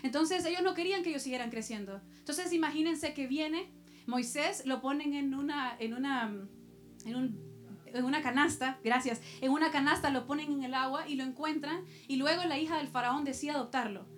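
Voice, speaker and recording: Woman pastor, high voice, storytelling sermon with faint music underneath. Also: normal speed. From El Salvador. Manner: personal storytelling with rhetorical questions to the congregation.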